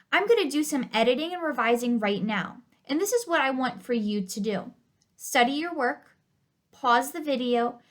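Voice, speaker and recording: High-voiced upbeat teacher woman. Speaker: second grade teacher. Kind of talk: recorded writing lesson for children.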